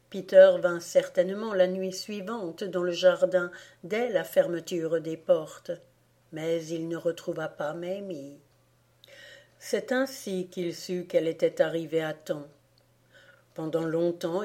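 Slow, mellow woman reading a storybook. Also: fairly low pitch. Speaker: audiobook reader. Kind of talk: storybook narration.

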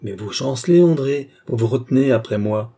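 A man's voice: medium pitch, lively intonation, normal speed, warm tone, husky. A man reading aloud, voicing a worried, tender young nobleman who pleads anxiously.

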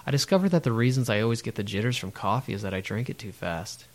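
Guy narrating his travel diary, kinda low voice, dry and thoughtful. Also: animated. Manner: reflective, wry, deliberate.

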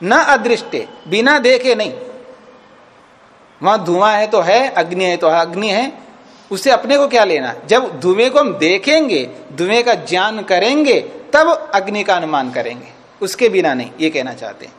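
A man's voice: sits high, sing-song, normal speed, fairly bright tone. A man teaching a class as a swami, reciting Sanskrit lines and explaining each phrase, and checking whether his students follow. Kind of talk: classroom lecture on a scripture text. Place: teaching session at a retreat.

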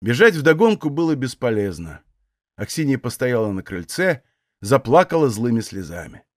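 A man reading a novel aloud as audiobook narration in a measured literary manner. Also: mid-range voice, big pitch swings, dry recording, studio quality. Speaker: audiobook reader.

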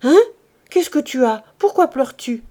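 Blustering coward of a husband, yelling accusations, put on by a woman reader. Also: sits high, expressive, normal speed, pitched above the performer's own voice. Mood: alarmed. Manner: shouting, blaming, frantic. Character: angry cowardly middle-aged husband.

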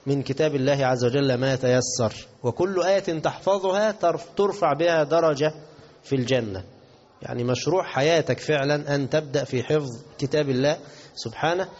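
Egyptian guy teaching in a mosque, slightly high voice, slow careful recitation then fast asides, dull lo-fi sound. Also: a little mellow. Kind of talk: religious lesson. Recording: dull lo-fi lecture recording.

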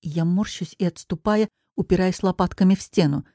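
A woman reads a first-person audiobook with expressive, dramatic delivery. Her voice sits low and mellow, captured on a close mic in a dry, dead space. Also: fairly quick, no echo. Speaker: audiobook narrator.

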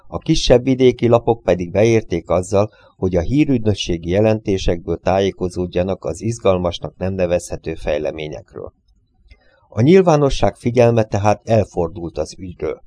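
A man reading an audiobook novel in a steady, measured narration. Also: sits low.

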